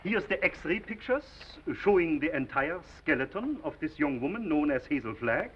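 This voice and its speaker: An actor playing a pompous, self-important specialist doctor, formal and declamatory in 1930s screwball film style. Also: male voice, fairly high pitch, sing-song, moderate pace. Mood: stern, emphatic. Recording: muffled, hissy 1930s film soundtrack.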